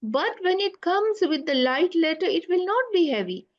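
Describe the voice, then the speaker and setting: A woman teaching Quran pronunciation, speaking slowly and repeating sounds to demonstrate them. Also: very high-pitched, big pitch swings. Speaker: tajweed teacher. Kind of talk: online lesson. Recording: dull lo-fi recording.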